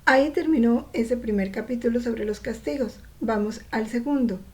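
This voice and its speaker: A woman reading from a devotional text and explaining it, pausing to ask her listeners rhetorical questions. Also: fairly high pitch. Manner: slow, reflective, poses rhetorical questions to listeners.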